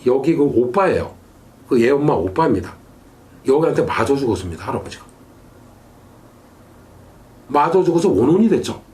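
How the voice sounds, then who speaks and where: A man working as a shaman and exorcist, telling a story in an emphatic, animated way. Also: on the high side. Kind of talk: storytelling monologue.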